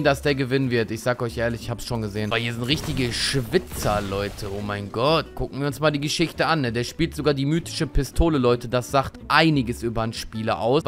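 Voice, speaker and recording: A young man giving casual gameplay commentary, slangy and excitable, dropping from low mutters to loud cheering. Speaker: gaming YouTuber.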